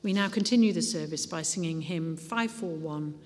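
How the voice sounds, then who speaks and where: A woman reading scripture aloud at a church service in a measured, expressive way. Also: deep voice. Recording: long church reverb.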